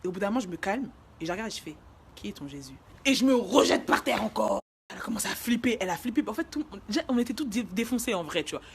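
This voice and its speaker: A young woman tells a personal story straight to camera in quick, slang-heavy speech. She races through it and bursts into shouts when she acts out the wild parts. A faint background hum sits under her voice. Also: a little high, expressive, creaky. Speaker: vlogger telling a personal story. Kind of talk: casual story time.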